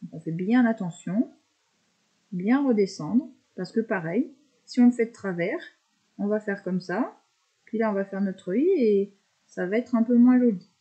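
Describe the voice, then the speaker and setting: A woman teacher explains a handwriting lesson to young pupils, describing every stroke as she makes it. Her voice is mellow and soft-edged, patient and encouraging. The recording sounds a little dull and lo-fi. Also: mid-range voice. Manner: slow step-by-step verbalizing, patient.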